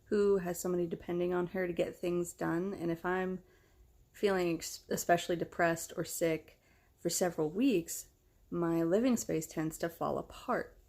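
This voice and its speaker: Lowish-voiced young woman vlogging. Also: darkish tone. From United States. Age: young adult. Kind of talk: casual chat.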